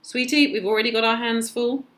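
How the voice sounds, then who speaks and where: A woman's voice: on the high side, steady tone, brisk, a bit bright, voice pushed up, natural voice. Woman as an exasperated British mum, emphatic. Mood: weary, firm. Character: exasperated, protesting mother of a young boy.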